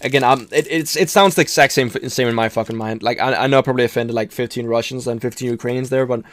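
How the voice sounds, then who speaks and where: A man's voice: medium pitch, steady tone, quick pace, fairly bright tone, no echo. Profane rambling streamer man, dry sound. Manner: rambling, profane, restarts often, laughs at himself. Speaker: streamer reacting to a video. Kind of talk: casual reaction commentary.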